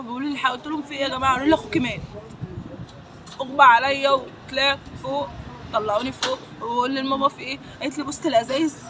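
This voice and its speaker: A woman's voice: sits high, sharp tone, slight background noise, poor audio. A grieving woman with an Egyptian Arabic accent, the victim's sister, speaking emotionally with repeated invocations against the accused in a street interview.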